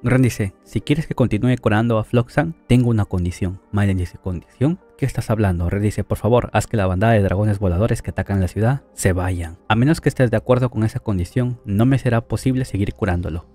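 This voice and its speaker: A man with a lowish, mellow voice recaps an anime plot in a loose, chatty way, slipping into the characters' lines and adding little asides. Faint music plays behind him. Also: brisk, hardly any pauses. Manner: chatty, adds asides and fillers. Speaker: anime story recap narrator. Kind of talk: casual story retelling with quoted dialogue.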